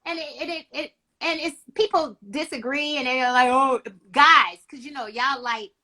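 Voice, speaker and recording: A woman in her fifties hosting a casual panel chat, talking haltingly with many fillers and restarts. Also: sits high, sharp tone. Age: 50s.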